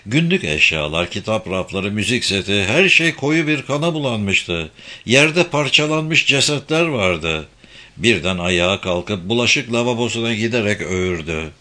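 A man reading a novel aloud in a measured, even storytelling manner. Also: on the low side. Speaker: narrator. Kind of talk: audiobook narration.

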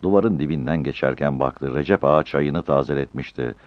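A man narrating a story aloud in a calm, measured audiobook reading. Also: very deep voice, dry recording. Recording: dull lo-fi dry recording.

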